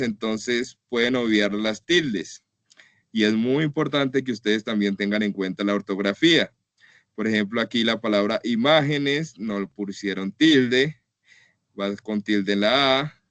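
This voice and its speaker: A man's voice: lowish voice, fairly bright tone, dry recording. A man teaching an online class, walking students through slide examples in a patient, explanatory way. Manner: patient, explanatory, repeats "entonces" and "por ejemplo".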